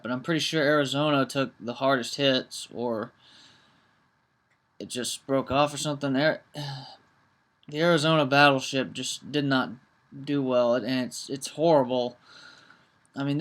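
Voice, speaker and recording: A man's voice: medium pitch, fairly bright tone. A man talking casually to camera in a vlog, earnest and reflective, with many ums and restarts. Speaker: vlogger.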